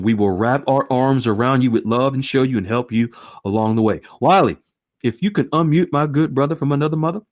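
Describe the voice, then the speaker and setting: A man hosting an online group call, animated and exclaiming often. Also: mid-range voice. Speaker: host.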